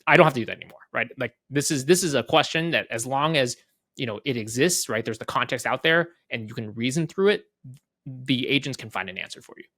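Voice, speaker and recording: A guest product leader gives a casual, off-the-cuff software demo in a mid-pitched male voice, moving at a brisk pace. He keeps it conversational, often tossing in tag questions to check the listener is following and acting out short exchanges. The recording is dry, with no room sound at all.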